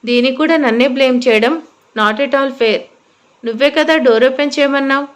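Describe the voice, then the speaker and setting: A woman's voice: sits high, normal speed, lightly acted. A woman voicing a teasing, possessive young husband in an audio story. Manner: teasing, smug.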